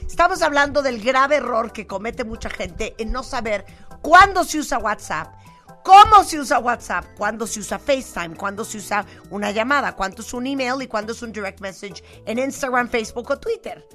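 A woman's voice: a little high, animated, moderate pace, sharp tone, soft background music. A woman with a Mexican accent hosting a casual radio show, telling stories dramatically and acting out scenes in voices. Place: radio studio.

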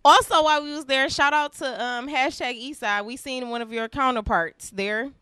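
A woman co-hosting a casual podcast chat, slangy and animated, acting out quotes with big jumps in her voice. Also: high-pitched, moderate pace, clear, resonant tone, dry recording. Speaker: podcast co-host.

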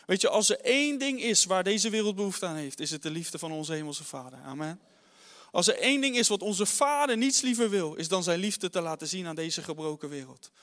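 A man's voice: high-pitched, fairly bright tone. A man preaching a fervent sermon to a congregation, often calling out "Amen" and addressing the Lord in prayer. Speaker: guest preacher.

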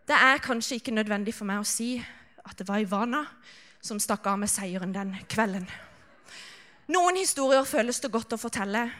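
A woman's voice: fairly high pitch, sharp tone. A young woman performing a comic story on stage.

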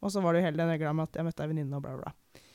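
Candid young Norwegian woman, clear voice. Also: low-pitched, darkish tone, dry recording, clean studio sound. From Norway. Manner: candid, reflective, with frequent pauses and restarts. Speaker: podcast guest. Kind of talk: personal account in casual conversation.

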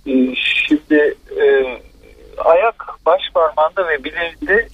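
A man's voice: a little high, lively intonation, takes it slowly, vocal fry, husky. A man calling in over a landline phone, asking a question in a hesitant way with many fillers. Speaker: caller. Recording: muffled phone line.

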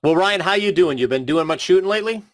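A man's voice: high voice, fast, no echo. Older man hosting a podcast, dry sound. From Buffalo, New York. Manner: relaxed, many "uh" fillers. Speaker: podcast host. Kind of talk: casual podcast chat.

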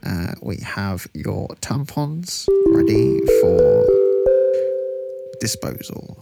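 A slow, gravelly front-desk announcer put on by a man makes a calm call over the loudspeaker. The voice sits low and unhurried. It sounds distant, with loud music playing behind it. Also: full character voice. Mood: mock formal.

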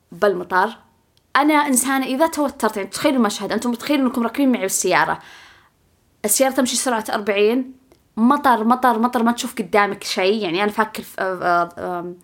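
A young woman talks quickly in a casual podcast story. Her voice sits a little high, and she rushes through her words with animated, self-mocking energy. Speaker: podcast host.

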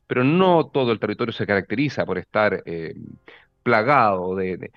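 A man's voice: fairly low pitch, lively intonation, normal speed, no echo, lo-fi sound, faint music behind. A man with a Chilean accent hosting an interview, asking long rambling questions full of restarts. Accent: Chilean Spanish. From northern Chile. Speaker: interviewer, host.

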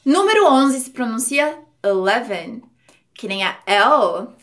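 A woman English teacher in a video lesson, lively and demonstrative, sounding out each word for her students. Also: on the high side, slow.

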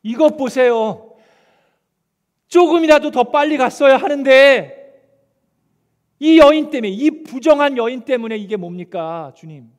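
Man doing a frantic grieving father, pleading, shrill, reverberant church. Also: lively intonation, moderate pace, few pauses. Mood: angry grief. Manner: loud, accusing, pleading.

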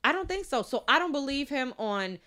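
Animated bright-voiced woman podcast co-host. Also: high voice, brisk. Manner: animated, leads the talk, acts out scenarios. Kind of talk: casual chat.

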